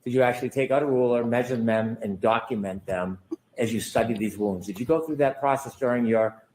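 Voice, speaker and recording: A man's voice: mid-range voice, brisk, a little mellow, rough recording. Man pressing a witness in a courtroom. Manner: pressing, sceptical, ends statements in tag questions. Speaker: lawyer cross-examining a witness. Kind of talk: courtroom cross-examination.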